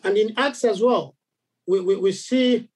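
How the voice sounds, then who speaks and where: Halting Zambian man preaching. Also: high-pitched, darkish tone, rough recording. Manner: halting, many repeated words and fillers. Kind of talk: sermon.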